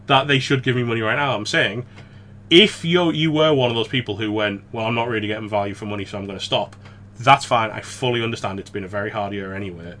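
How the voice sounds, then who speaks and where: A man co-hosting a casual gaming podcast, chatty and rambling, quick to laugh. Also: fairly low pitch, a bit bright, slight background noise. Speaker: podcast co-host.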